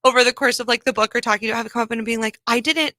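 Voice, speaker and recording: Bright animated woman from Missouri. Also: a little high, dry recording. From Missouri, USA. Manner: animated storyteller, quick asides. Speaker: comedian and author guest. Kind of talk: casual radio interview chat.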